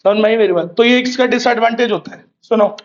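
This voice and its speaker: A man with a very high voice gives a revision lecture for exam students. He keeps posing questions to the class and answering them himself, now and then pushing them to write points down. The recording sounds roomy and a little dull. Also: quick pace. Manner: conversational teacher, mixing in memorisation drills. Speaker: commerce exam tutor.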